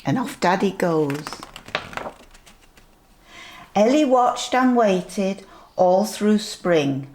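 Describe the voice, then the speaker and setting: A sweet grandmotherly older woman reading a picture book aloud to young children, gently pointing things out as she goes. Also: medium pitch, lively intonation, slight background noise. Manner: slow, deliberate storytelling with asides.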